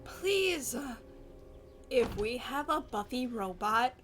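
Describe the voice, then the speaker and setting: A woman's voice: fairly high pitch, expressive, slow, a bit bright, a little hiss or hum. A young woman hosting a TV reaction video, emotional and tearful, gasping, swearing and laughing through her upset. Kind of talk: episode reaction commentary.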